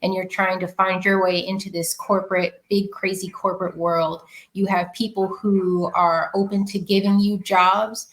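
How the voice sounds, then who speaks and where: A woman with a New York accent, a podcast guest giving earnest, measured advice with occasional fillers over an online call. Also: medium pitch, flat delivery, fairly bright tone, low-quality recording. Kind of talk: interview answers, giving advice.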